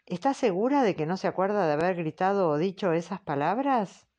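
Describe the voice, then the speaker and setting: Formal male interrogator, measured and patient; woman audiobook reader doing him. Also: lowish voice, animated, darkish tone, highs cut off, lightly acted. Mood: probing. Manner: slow, formal, questioning. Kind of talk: audiobook character reading.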